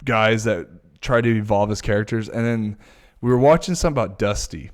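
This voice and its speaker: A man from the Bay Area with a Californian accent, chatting as a podcast guest in a relaxed, drawling surfer-like way. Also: on the low side, fairly quick. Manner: laid-back, drawling surfer-like delivery. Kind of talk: casual podcast chat.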